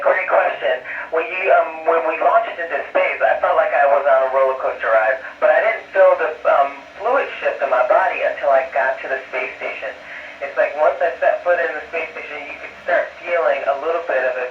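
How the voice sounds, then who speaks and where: A man speaks over a space radio link in a slightly high voice, answering questions as an astronaut would from orbit. He explains plainly and pauses as he goes. The sound is muffled, echoey and distant. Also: slight background noise. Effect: space radio transmission. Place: aboard a space station. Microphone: ham radio.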